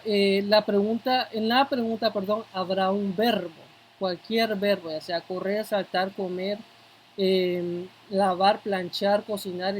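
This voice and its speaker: A woman as an English teacher, explaining grammar step by step and repeating example words slowly for pronunciation. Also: medium pitch, slight background noise, poor audio. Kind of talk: classroom-style language lesson.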